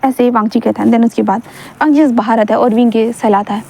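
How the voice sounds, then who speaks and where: A young woman casually retelling a story she wrote, chatty and rambling, often stopping to correct herself. Her voice sits a little high and has a soft, mellow tone. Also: fairly even intonation, fast talker, creaky.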